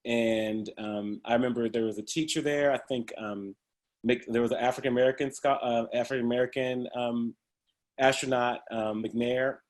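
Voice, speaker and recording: In a casual interview, a middle-aged guest tells humorous stories about his life, laughing often as he goes. He has a mid-range voice with a steady tone and speaks at normal speed.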